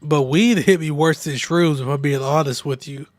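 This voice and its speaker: A young man with a somewhat high voice talks loosely and profanely while he plays, a little drunk and nursing a sore throat. The sound is dry and close, with no room echo. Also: normal speed. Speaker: streamer. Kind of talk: casual gaming livestream chat.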